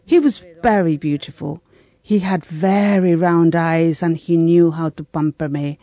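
A woman giving a measured voice-over translation of a guest's story. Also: sits low, warm tone. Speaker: interpreter.

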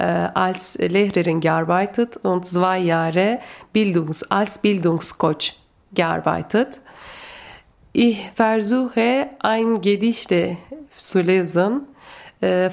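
Slow, hesitant woman. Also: mid-range voice, gravelly, darkish tone. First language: Turkish. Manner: hesitant, many filler sounds. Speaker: guest reader, former teacher. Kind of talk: halting personal statement.

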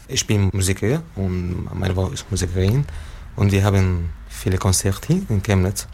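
A man in his thirties from Syria, a native Arabic speaker, answering interview questions in halting, simple German. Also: low-pitched, gravelly, a little mellow, slight background noise. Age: 30s. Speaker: interviewee, musician. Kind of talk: casual interview.

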